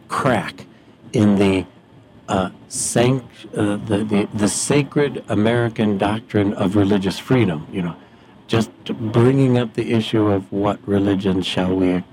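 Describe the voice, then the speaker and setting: A middle-aged man with a very low voice, a priest hosting a radio talk show. He speaks haltingly and thoughtfully, with frequent ums and restarts, over a faint hiss of background noise. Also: darkish tone. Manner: halting, thoughtful, many fillers.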